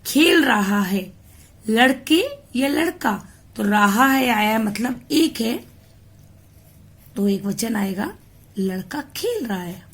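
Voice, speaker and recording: A woman tutor from India going through a grammar worksheet, reading words out slowly one by one. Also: fairly high pitch, lively intonation, breathy edge. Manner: slow, deliberate, spells words out one by one. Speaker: home tutor. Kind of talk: explaining a worksheet.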